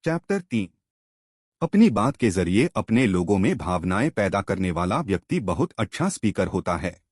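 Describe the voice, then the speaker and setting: A low, husky male voice narrates a book summary, talking straight to the listener and posing questions. His pitch moves up and down freely, and the recording is dry and close. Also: very animated, moderate pace, no echo. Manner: explanatory, addresses listener directly with questions.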